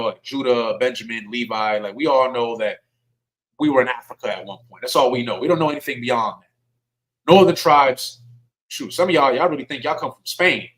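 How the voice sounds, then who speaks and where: A man's voice: mid-range voice, a bit bright, poor audio. A man giving a sermon in a conversational way, reading scripture and asking his listeners questions in informal speech. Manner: conversational, asks the audience questions; informal speech with dialect words like y'all. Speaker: teacher at a religious service.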